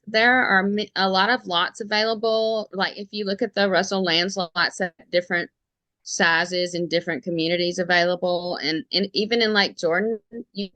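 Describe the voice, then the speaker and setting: A woman's voice: medium pitch, sharp tone, no room sound. A woman with a thick Alabama Southern accent, chatting casually and informally as a realtor being interviewed. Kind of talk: casual chat.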